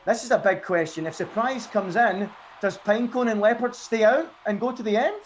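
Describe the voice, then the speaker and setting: A man's voice: high-pitched, a little fast, slight background noise. Chatty male race analyst. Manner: chatty analytical, rhetorical questions. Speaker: co-commentator. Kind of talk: live esports race analysis.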